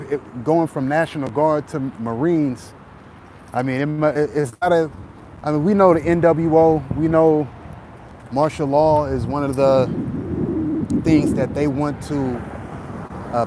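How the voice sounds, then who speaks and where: Walking along a street as trucks pass, a religious vlogger preaches in a casual, halting way, repeating phrases as he goes. His voice sits at a medium pitch, and the noisy outdoor recording picks up traffic and vehicle sounds.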